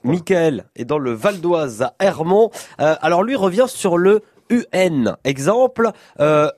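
A man hosting a live call-in radio show from a studio, lively and jokey with his guest. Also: a little high, unhurried, no echo. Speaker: radio host.

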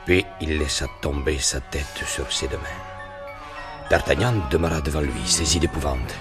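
A man narrating a classic novel passage in a measured, scripted reading. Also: rumbling low, over music.

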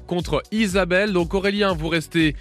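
A man's voice: high-pitched, fairly even intonation, normal speed, a bit bright, soft background music. A man presenting a radio quiz show in a chatty, informal way. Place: radio studio.

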